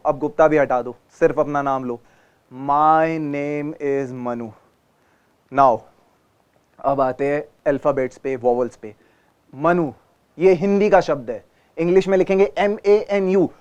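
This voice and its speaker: Smooth-voiced man coaching a theatre class. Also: high voice, darkish tone. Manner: coaching, addresses students as beta, mixes Hindi and English; demonstrates by acting out examples. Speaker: theatre teacher. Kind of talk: classroom lesson on posture and speech.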